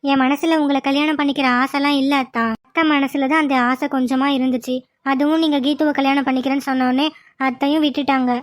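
A woman's voice: sits high, level tone, fast talker, no echo, studio quality, natural voice. Woman voicing a pleading young heroine. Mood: earnest. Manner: coaxing, repeats "attha". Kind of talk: cartoon voice acting.

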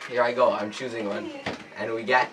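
A teenage male host giving casual, excitable commentary in short exclamations during a gaming challenge video. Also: mid-range voice, normal speed. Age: teens. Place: small indoor room with cloth backdrop. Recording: distant mic, music behind.

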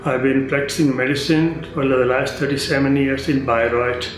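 A man in his sixties, a physician, giving a measured testimonial with hesitations in a small clinic room. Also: medium pitch, level tone. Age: 60s. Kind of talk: interview testimonial. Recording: echoey room.

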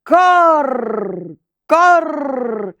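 A woman's voice: sing-song, very slow, fairly bright tone, dull audio, full character voice. A woman voicing a brave, desperate male raven who caws and cries out in a storybook tale. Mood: urgent. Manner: shrill cawing cries.

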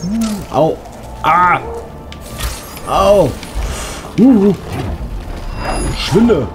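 A let's player gives casual video game commentary in a high, expressive voice, speaking very slowly. He talks to himself and throws in crude exclamations, with game music playing behind him.

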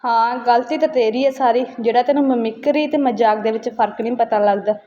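A woman's voice: fairly high pitch, steady tone, mellow, muffled recording. A woman, hosting a roast video and lecturing vloggers in a scolding way. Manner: scolding, lecturing, rapid-fire. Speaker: roast channel host.

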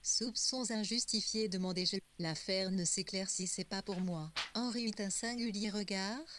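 A woman narrates a classic novel in the first person. Her reading is measured and even, a steady audiobook delivery. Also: medium pitch, background noise.

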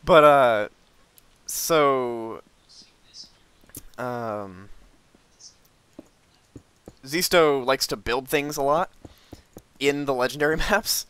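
A man's voice: medium pitch, drawn-out words, pauses often, a bit bright, clear, resonant tone, no room sound. A young man hosting a casual Minecraft video, rambling with lots of fillers and restarts as he shows off his build. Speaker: gaming video host.

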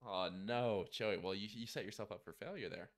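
A man chatting casually on a podcast, excitable and slangy, quick to gasp and laugh. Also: lowish voice. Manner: slangy, laid-back. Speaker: podcast co-host. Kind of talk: casual chat.

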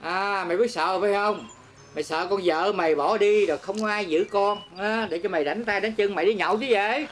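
An actor playing a bossy older village uncle with a Southern Vietnamese accent, brisk, teasing and scolding. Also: male voice, sits high, fairly bright tone, a little hiss or hum. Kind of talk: rural comedy film acting.

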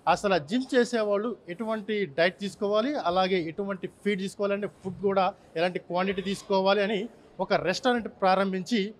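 A male reporter presenting to camera from a gym, holding a handheld mic. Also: high voice. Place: gym floor, indoors.

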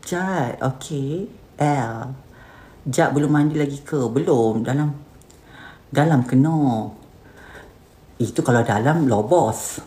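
In a roomy room full of echo, a woman influencer with a Malaysian Malay accent reads viewers' comments on her live stream and responds bluntly, dropping in English words. She speaks slowly with long pauses, in a rumbling low, dark voice.

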